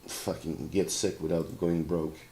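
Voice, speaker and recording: A man with an exceptionally deep voice hosts a casual game stream. He sounds clearly sick, stuffed up and sore in the throat, talking in a subdued, halting way. A faint layer of noise sits behind his microphone. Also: little pitch movement, mellow. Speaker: game streamer, show host. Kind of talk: casual livestream game commentary.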